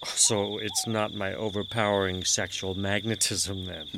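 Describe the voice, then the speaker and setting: A man's voice: lowish voice, level tone, a little slow, noisy background. A wisecracking American guy. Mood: wry. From Los Angeles, USA. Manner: wry, joking, easygoing. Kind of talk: acted drama dialogue.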